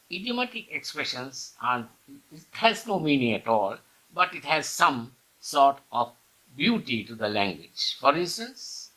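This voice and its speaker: A man teaching an English grammar lesson, explaining slowly and repeating key words, with the odd cough. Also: medium pitch, sharp tone, low-quality recording. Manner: occasional coughs and throat clearing.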